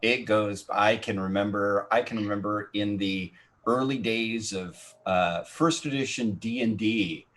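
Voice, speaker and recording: A man's voice: fairly low pitch, unhurried, a bit bright. An older man speaking reflectively and reassuringly as a panelist. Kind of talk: panel discussion.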